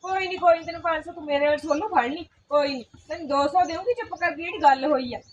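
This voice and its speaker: A woman's voice: sits high, fast talker, recorded from a distance, dull audio, natural voice. A woman playing a stingy, impatient village housewife who orders her hired help around brusquely. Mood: dismissive. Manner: brusque, dismissive, nagging. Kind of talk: amateur village drama.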